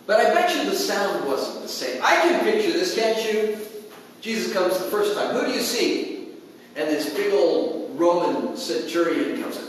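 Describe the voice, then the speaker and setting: A man preaching a sermon, animated and acting out quotes in different voices. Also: sits high, normal speed, a little hiss or hum. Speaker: pastor. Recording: roomy hall, distant mic.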